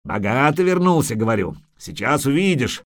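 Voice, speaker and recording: A man voicing a hearty middle-aged merchant who talks in booming exclamations. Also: sing-song, moderate pace, natural voice.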